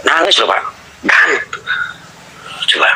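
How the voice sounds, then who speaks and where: A man from Java, a religious activist making an emotional public appeal, pleading and at times shouting. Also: slow, a little hiss or hum, low-quality recording.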